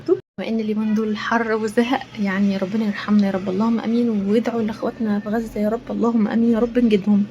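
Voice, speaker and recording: This is casual kitchen chatter from a woman with an Egyptian accent who rambles as she cooks at home and keeps slipping in pious asides. Her dark-toned voice runs high, and the recording is muffled with a little background noise.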